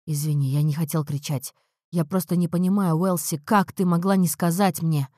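A woman voicing a furious young man who growls and shouts, in an audiobook. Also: lowish voice, fairly even intonation, moderate pace, no room sound, clean studio sound, natural voice. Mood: strained. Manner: growling, shouting through clenched teeth.

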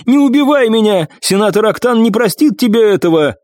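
A man voicing a panicked, wounded male assassin in an audiobook, shrill and desperate, shouting and pleading. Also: animated, a little fast, no echo, clean studio sound. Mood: begging.

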